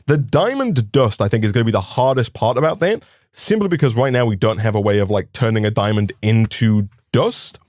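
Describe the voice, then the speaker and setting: A man's voice: fairly low pitch, lively intonation, fairly quick, darkish tone, dry recording, studio quality. Chatty man explaining game mechanics. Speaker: co-host. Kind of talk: casual gaming chat.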